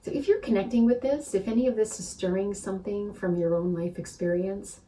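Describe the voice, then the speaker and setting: A woman spiritual teacher leading a gentle guided practice, soothing and unhurried, often checking in with "right?". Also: medium pitch, far from the mic, low-quality recording.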